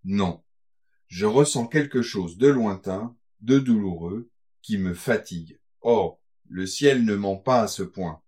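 A man reading an audiobook, voicing a tearful young fiancée who begs her beloved to stay, raising his voice high and strained. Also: takes it slowly, darkish tone, breathy edge. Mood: pleading. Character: young woman, tearful fiancée full of foreboding.

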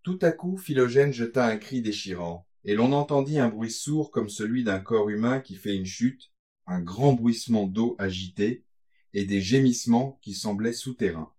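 A man narrating a gothic tale in a measured, somber, dramatic way. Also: mid-range voice, dark tone. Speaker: audiobook narrator.

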